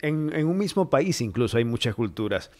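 A man hosting a podcast, relaxed as he reads listener questions. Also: medium pitch, moderate pace. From Ecuador. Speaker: podcast host. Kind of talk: conversational podcast interview.

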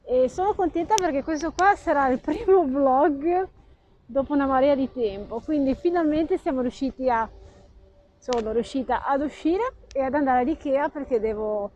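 A woman's voice: sits high, moderate pace, a little mellow. A woman in her thirties chatting casually as a vlogger, speaking through a face mask. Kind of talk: casual vlog chat. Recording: dull phone sound, background noise.

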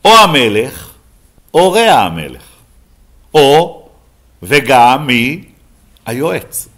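Lively rabbi quizzing his class. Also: medium pitch. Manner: questions the class and answers himself. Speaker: rabbi teaching a Bible class. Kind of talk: Bible lesson to a live class.

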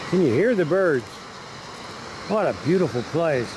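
A man's voice: on the high side, expressive, unhurried, background noise. A man talking casually and joking as he films a walk by a river, recorded on a handheld camera outdoors. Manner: folksy, chatty and joking. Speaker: vlogger filming a walk. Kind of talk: casual walking vlog narration.

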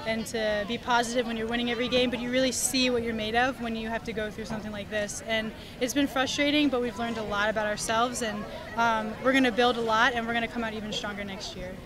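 Quick, bright-voiced young woman athlete. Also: on the high side, steady tone. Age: young adult. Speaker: goalkeeper. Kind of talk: post-game interview. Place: outdoors at a floodlit field at night. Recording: stadium crowd behind.

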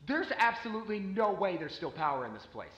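A man's voice: high voice, very animated, fast, fairly bright tone, echoey room, lo-fi sound. A man narrating a first-person found-footage exploration, wary and muttering to himself as he goes.

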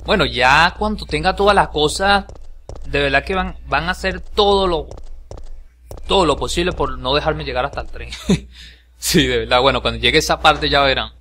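A man giving let's play commentary on a game he is playing. He is excitable, swearing and yelping whenever the game attacks him. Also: a little high, moderate pace, a little hiss or hum. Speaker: gameplay commentator. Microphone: home voice recording over game capture. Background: game music.

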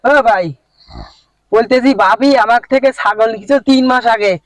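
A man playing a pushy, high-voiced village creditor. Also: normal speed, dry recording. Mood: demanding. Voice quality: insistent, demanding. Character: pushy village goat seller chasing a debt. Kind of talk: comic short-film acting.

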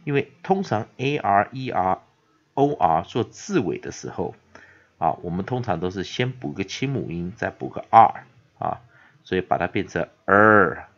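Gravelly Taiwanese Mandarin male teacher, lo-fi. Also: low-pitched, very animated, fairly bright tone. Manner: repetitive filler particles, drawn-out example words. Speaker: English teacher. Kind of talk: phonics lesson. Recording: dull lo-fi recording.

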